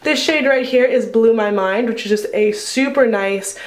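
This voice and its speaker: A woman's voice: on the high side, moderate pace. A young woman chatting casually as a beauty vlogger, with lots of ums and likes, recorded in her home bathroom with an echoey sound. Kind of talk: casual chat.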